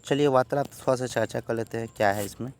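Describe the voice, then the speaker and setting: A man's voice: medium pitch, fast talker, a little mellow, slight background noise. A man tutoring students through an exam textbook unit. He keeps saying "theek hai" as a tic and acts out the example lines. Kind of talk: exam-prep lesson walkthrough.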